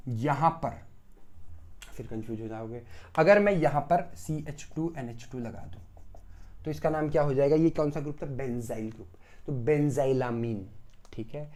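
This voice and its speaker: A man teaching pharmacy chemistry in a recorded lecture. He asks the class questions, answers them himself and repeats key terms several times. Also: medium pitch. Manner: swings between loud bursts and soft asides.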